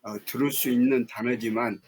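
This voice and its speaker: A man with an ordinary mid-pitched voice gives his view in an online discussion group. He speaks in a measured, polite way, hedging with fillers. He is heard over a video call. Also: fairly even intonation, darkish tone. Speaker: member of an online reading group.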